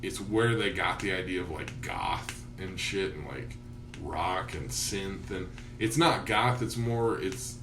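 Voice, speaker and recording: A man's voice: sits low, animated, slow, recorded from a distance. A young man co-hosting a podcast, rambling casually and swearing a lot. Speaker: podcast co-host. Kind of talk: casual stoner chat. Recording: roomy echo, noisy, off-mic.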